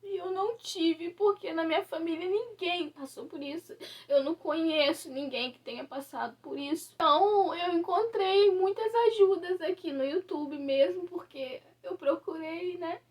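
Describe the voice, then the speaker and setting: High-voiced Brazilian woman confiding. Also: fairly even intonation, moderate pace, hardly any pauses. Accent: Brazilian Portuguese. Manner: confiding, tag questions like "sabe?" and "tá?". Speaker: vlogger. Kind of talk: personal storytelling to camera. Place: her bedroom at home.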